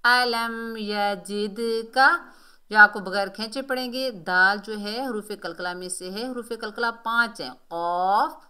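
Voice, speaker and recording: Bright, clear-voiced woman teaching recitation. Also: mid-range voice. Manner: explains rules slowly, then recites words in a drawn-out chant. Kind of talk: tajweed lesson with recited examples.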